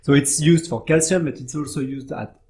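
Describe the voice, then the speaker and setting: A man speaking earnestly as a podcast guest in casual chat, often pausing to search for words. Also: a little high, dark tone.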